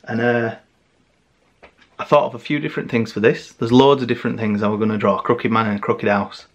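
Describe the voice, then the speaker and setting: A man's voice: mid-range voice, level tone, a little fast, dull audio. A man chatting casually on his art vlog, rambling and correcting himself as he goes, with frequent laughs. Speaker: art vlogger.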